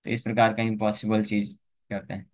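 A man's voice: on the low side, completely flat delivery, brisk. A man giving a Hindi scripture lecture, telling a story and acting out its characters' lines with a lifted voice. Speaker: preacher.

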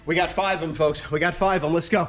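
A man's voice: fairly high pitch, steady tone, fast, a bit bright. A man in his thirties leading a workout as an aerobics instructor, calling out moves and counts in clipped, encouraging commands with lots of energy. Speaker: fitness instructor leading an online workout class. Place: large empty indoor gym studio. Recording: echoey large empty room.

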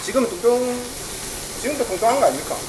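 A man's voice: very high voice, lively intonation, fast, heavy background noise. A man asking questions in a casual chat over a meal. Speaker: interviewer. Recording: echoey room, loud food sizzle.

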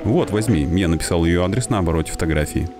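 A man playing a serene meditating robot in a video game speaks with a low voice. The manner is measured and kindly, that of a wise mentor, with music clearly behind it. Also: lightly acted. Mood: calm, welcoming. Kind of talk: reading game dialogue aloud.

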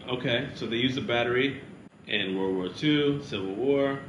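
On a family travel vlog, a mid-range male voice at a moderate pace reads out facts and kids around with a child in a teasing, jokey way. The high frequencies are cut off, and the echoey room carries a constant hum of noise.

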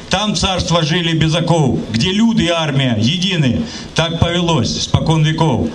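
A middle-aged man recites patriotic poetry into a handheld microphone at an outdoor rally, with an emphatic, measured line-by-line delivery. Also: on the high side. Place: outdoor city rally, open square. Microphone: handheld microphone, filmed from the crowd. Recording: noisy outdoor public address, ambient noise.

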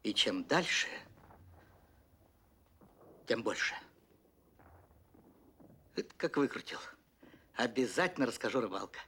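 A man's voice: medium pitch, animated, unhurried, pauses often, noisy background, close to an everyday voice. A man playing a firm, fatherly middle-aged front commander in a war film. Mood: frank, resolute.

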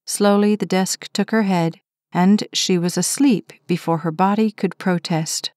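A woman narrating a romance audiobook in a steady, measured reading on a close mic. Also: on the low side, no room sound. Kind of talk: scripted narration.

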